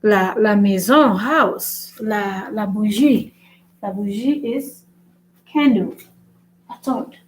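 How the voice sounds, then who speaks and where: A woman's voice: medium pitch, slow, slight background noise, poor audio. A woman teaching French in a casual video lesson, chatty and repetitive, often checking in with "right?". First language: English. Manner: chatty, repeats "right?" often, writes on a board.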